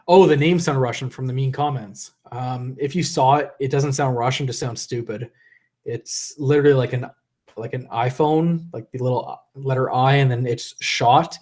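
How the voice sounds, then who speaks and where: Into a desk USB condenser microphone at home, a livestream host who's had a bit to drink rambles loosely, cursing as he reads out the chat. His voice is medium-pitched and a little mellow.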